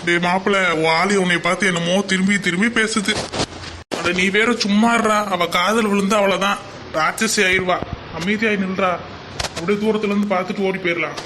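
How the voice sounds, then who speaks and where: A man's voice: high voice, fairly even intonation, fairly quick, background noise, natural voice. A man voicing a pair of young cartoon college guys who rib each other. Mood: ribbing. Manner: joshing, ribbing.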